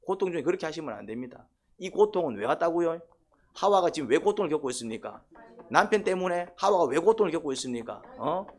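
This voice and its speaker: Man, pastor, sermon, question-and-answer delivery, slightly high voice. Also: sing-song, fast. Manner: quizzes the congregation, repeated "eh?" prompts.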